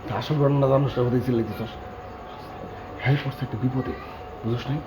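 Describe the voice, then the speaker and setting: A man playing a hushed, pleading bachelor. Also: mid-range voice, steady tone, quick pace, noisy background, close to an everyday voice. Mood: hushed urgent. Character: bachelor hero hiding a foreign guest, a young man. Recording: echoey, dull-sounding room.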